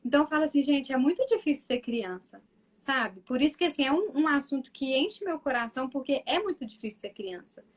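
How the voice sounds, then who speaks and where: Her voice sits high and brisk, with a little hiss or hum in the audio: she's a mother from Brazil, speaking Portuguese with a Minas Gerais accent as a guest on a casual live stream. Animated, she mimics her conversations with her son in a gentler tone, restarting often and dropping filler remarks to the audience.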